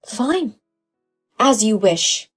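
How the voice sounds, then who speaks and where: An actress playing a devoted mother and fed-up wife who stands up to her husband in a calm, measured way. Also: on the high side, husky, soft background music, full character voice. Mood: cool. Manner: calm, measured, quietly defiant.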